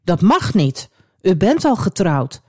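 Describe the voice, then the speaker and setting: A woman's voice: fairly low pitch, sing-song, slow, darkish tone, slightly rough, no echo, studio quality, exaggerated voice. A woman voicing an honest young man in a children's storybook, firm and earnest.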